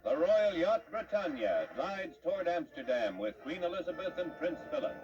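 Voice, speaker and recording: Over loud background music on a muffled, far-off 1950s newsreel recording, an American man narrates from a script. He speaks at a moderate pace in a fairly high, sing-song voice, with the dramatic, declamatory delivery of an announcer.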